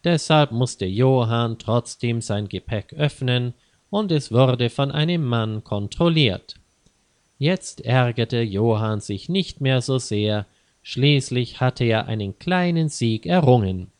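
A man narrating a scripted story slowly and carefully, clearly spaced, for language learners. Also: medium pitch, expressive, darkish tone, no room sound.

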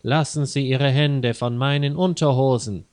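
A man voicing an angry, tired male traveler ranting loudly at a customs officer in a read-aloud story. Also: mid-range voice, fairly even intonation, a little slow, clear, resonant tone, no echo, close to an everyday voice. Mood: indignant. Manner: loud indignant ranting.

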